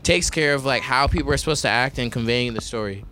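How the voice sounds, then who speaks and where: A man's voice: mid-range voice, fast, bright, forceful tone, slight background noise. A young man co-hosting a podcast, joking and teasing his friend, swearing freely. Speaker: podcast co-host. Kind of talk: casual chat.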